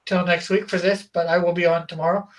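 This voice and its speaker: Casually chatting male livestream host with halting delivery. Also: high voice, little pitch movement, far from the mic, low-quality recording. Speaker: host of an online comics art auction.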